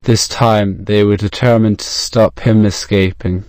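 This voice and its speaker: A man narrates a story in a modern British accent, with a fairly low, crisp voice. His delivery is measured and fairly even, like an audiobook for learners, recorded close and dry. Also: no room sound.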